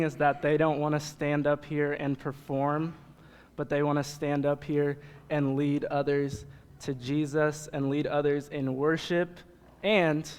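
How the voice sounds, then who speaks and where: A young man from Nebraska, United States, works as a youth pastor and addresses his congregation in a church hall with casual, joking, conversational preaching. His voice is smooth and on the high side, heard in a reverberant hall.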